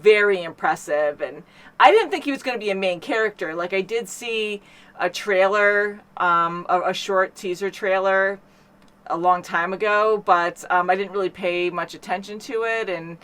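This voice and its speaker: Casting: woman, middle pitch, chatty film reactor, loose rambling delivery. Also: moderate pace, fairly bright tone. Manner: chatty, rambling with many fillers. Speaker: movie reaction host. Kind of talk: casual chat.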